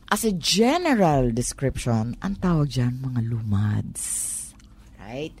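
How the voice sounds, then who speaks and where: A woman's voice: extremely low pitch, very animated, slow, a little mellow, husky. A woman with a Manila Tagalog accent explains conversationally on a talk program, posing rhetorical questions and switching between Tagalog and English. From Manila, Philippines.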